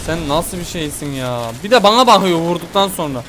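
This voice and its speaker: A young man commentating a horror game let's play, panicky and exasperated, pleading and yelling at the monster chasing him. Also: on the high side, animated, a little fast, slight background noise. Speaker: gaming YouTuber.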